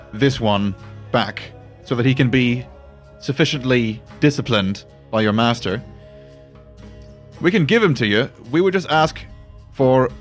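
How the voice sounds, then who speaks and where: A man voicing a polite, slyly diplomatic dwarf rogue in a tabletop game, hedging as he talks. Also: medium pitch. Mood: polite, hesitant. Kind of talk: tabletop role-play. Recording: music behind the voice.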